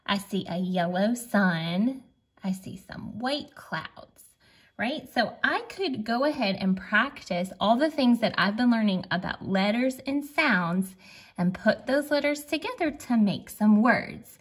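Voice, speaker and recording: A woman leads a children's drawing lesson at an unhurried pace. Her voice has a soft huskiness, and she sounds out letters patiently for young learners. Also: mid-range voice, animated, slightly rough. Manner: slow, gentle, sounds out letters. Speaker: teacher.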